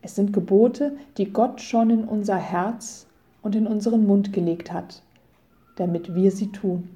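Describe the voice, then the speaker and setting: Calm and measured, a middle-aged woman preacher reads a scripted devotion for radio, her deep voice carrying a mellow warmth as she solemnly quotes scripture.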